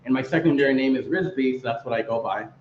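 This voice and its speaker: A man in his thirties, a crypto project founder, talking fast and fluently as a podcast guest. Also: medium pitch. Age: 30s. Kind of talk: casual podcast conversation. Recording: echoey, dull remote audio with faint noise.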